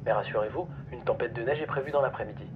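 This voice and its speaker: A man voicing a mock airline pilot who makes calm, formal cabin announcements over the intercom, in a noisy clip played on a stream. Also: mid-range voice, rapid-fire, muffled recording, music in the background. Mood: deadpan formal. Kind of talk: parody in-flight announcement.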